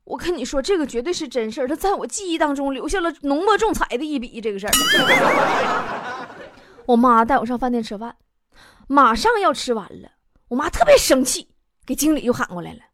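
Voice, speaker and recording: A woman's voice: high voice, very animated, fairly quick, long pauses. A young woman hosting a comic storytelling monologue in a wry, self-mocking, chatty way. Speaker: host.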